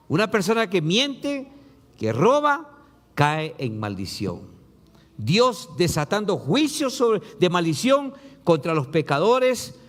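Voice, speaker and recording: In a large hall, a male pastor delivers a sermon, reading scripture aloud. He puts rhetorical questions to the congregation, his emphasis climbing and then dropping low.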